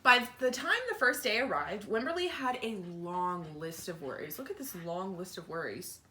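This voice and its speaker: A woman teacher with a fairly low voice reads a picture book to children at normal speed, expressive and pausing for casual explanations. A little hiss or hum comes through the roomy, echoey home recording.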